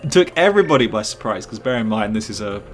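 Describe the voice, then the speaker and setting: A man's voice: on the low side, lively intonation, fast, soft background music. A man streaming live gameplay who rambles, jokes and chats with his viewers. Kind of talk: casual live gameplay commentary.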